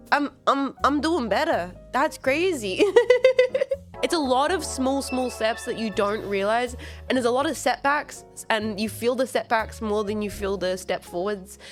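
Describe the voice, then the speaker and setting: A young woman streamer chatting casually, giggling often, swearing freely and rambling with fillers. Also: mid-range voice. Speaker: VTuber streamer. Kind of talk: casual livestream chat.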